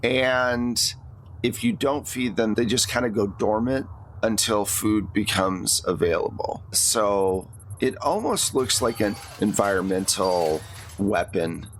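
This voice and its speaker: Narrating a tabletop roleplaying game as game master, a man talks conversationally in a fairly low voice at a slow pace. A clear, steady background noise runs under the recording.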